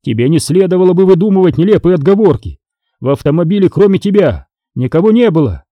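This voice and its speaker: A man's voice: high-pitched, big pitch swings, quick pace, no echo, highs cut off, voice pushed up. A man voicing a stern, furious father in an audiobook, scolding harshly. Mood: angry.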